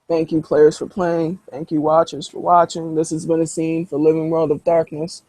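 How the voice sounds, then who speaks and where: A man's voice: fairly high pitch, monotone, normal speed, warm tone, no room sound, poor audio. A man narrating as game master in a tabletop role-play, rambling with lots of fillers. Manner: rambling, filler-heavy, casual.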